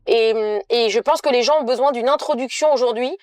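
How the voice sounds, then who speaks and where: A woman's voice: fairly high pitch, brisk, crowd noise. A woman from the south of France interviewing a guest in a chatty, playful way. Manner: chatty, playful, laughs often. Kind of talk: casual conversational interview. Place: in a van.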